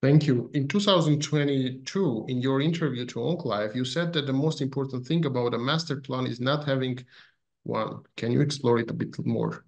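A man's voice: mid-range voice, moderate pace. A young adult man hosting a video call interview, asking polite, brief questions with some filler sounds. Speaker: host.

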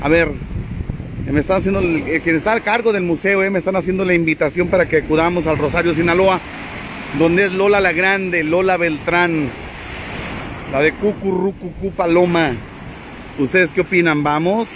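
A man live-streaming outdoors from a high spot by the sea, chatting and joking with his viewers and greeting them by name. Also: steady tone, normal speed, noisy background. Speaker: vlogger. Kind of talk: casual live stream from the seafront.

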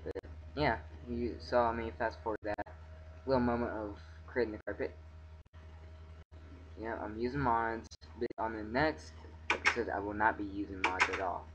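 A young man in his teens giving excitable, rambling commentary over a video game, talking to himself. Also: moderate pace, pauses often. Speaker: gameplay video maker. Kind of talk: casual gameplay commentary. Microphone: cheap computer mic. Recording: muffled low-quality computer mic, faint background hum.

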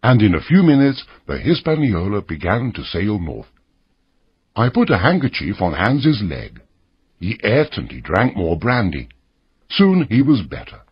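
A man reads a story for English learners in a very husky, fairly low voice. His pitch swings widely as he reads, measured and expressive. The sound is dry and slightly muffled. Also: no room sound. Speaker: narrator.

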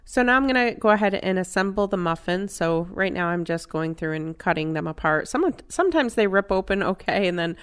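A middle-aged woman narrating her home cooking step by step in a relaxed, chatty way. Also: medium pitch, fairly quick, few pauses, clean tone. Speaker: cooking channel host.

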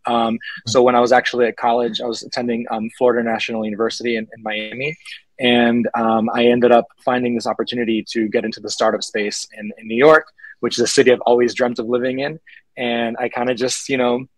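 A man's voice: mid-range voice, level tone, fast, dry recording, rough recording. A man in his thirties from Puerto Rico hosting a video-call panel, friendly and casual, often repeating a word as he starts a phrase. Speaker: panel host, software engineer. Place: office room indoors. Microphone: laptop webcam mic on a video call.

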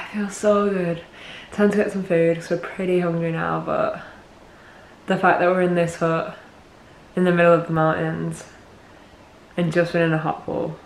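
Relaxed, chatty woman vlogging outdoors. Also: deep voice, slight background noise. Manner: relaxed, chatty, trails off with fillers. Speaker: hiking vlogger. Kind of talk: casual vlog chat. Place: outdoors on a mountain track and in a backcountry hut.

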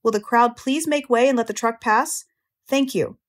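For a storybook, a woman voices a pompous fairground announcer who booms grandiose, formal proclamations over a loudspeaker, sounding proud and pompous. Her voice is on the high side, at a moderate pace and close to her everyday voice.

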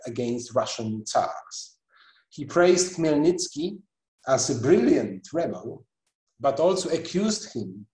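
A middle-aged man giving an online history lecture over a webcam video call, speaking in a measured way with frequent pauses and restarts. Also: medium pitch, darkish tone, echoey room, low-quality recording. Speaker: guest lecturer. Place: indoor room at a computer.

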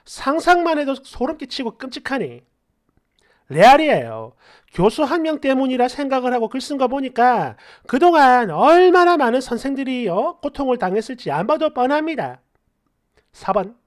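A woman's voice: sits high, big pitch swings, moderate pace. Sarcastic scolding woman narrator. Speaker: narrator reading online posts and comments. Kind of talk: commentary on online posts.

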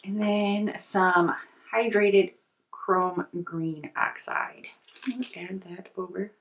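A middle-aged woman narrates soap making in a chatty, thinking-aloud way as she mixes at her kitchen table beneath an overhead camera. Her medium-pitched voice goes slowly and ranges from soft to lively, captured on a rough recording.

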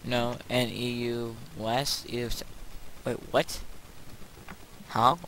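A man's voice: mid-range voice, fairly even intonation, slow pace, pushed and bright, slight background noise, poor audio. A young man joking around with a friend while playing an online game. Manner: joking, easily distracted. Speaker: gamer. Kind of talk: casual game chat.

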